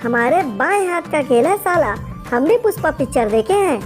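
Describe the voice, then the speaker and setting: A man's voice: very high-pitched, animated, moderate pace, soft background music. A man voicing a timid, hungry young boy who pleads and apologizes to a cruel sister-in-law in a game story video. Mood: boastful.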